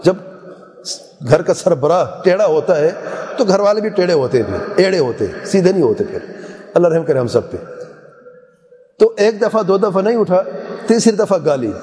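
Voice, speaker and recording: A man's voice: sits high, lively intonation, long pauses. Earnest preacher man in a reverberant hall. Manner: earnest, with rhetorical questions and sudden soft drops. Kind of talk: sermon.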